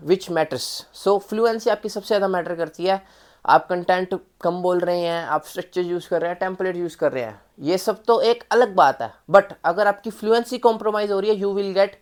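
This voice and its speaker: A woman's voice: mid-range voice, darkish tone. A woman giving a casual exam-prep lesson, mixing in English phrases, talking to viewers in a familiar way and repeating key points. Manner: mixes Hindi with English phrases. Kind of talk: casual spoken lesson to students.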